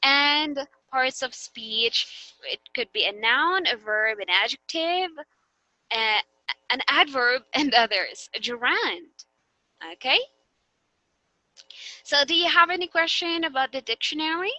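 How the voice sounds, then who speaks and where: Speaking slowly and pausing often, a Filipina teacher with a high, bright, crisp voice runs an animated demonstration lesson in Filipino-accented English. She guides students patiently with questions, checking in and saying "okay" and "right" a lot. The close, dry recording has no room echo.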